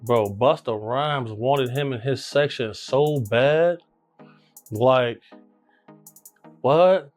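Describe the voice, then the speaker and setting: A man casually telling an animated anecdote, acting out what people said. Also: mid-range voice, drawn-out words, pauses often, soft background music. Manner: animated storytelling, acts out quotes.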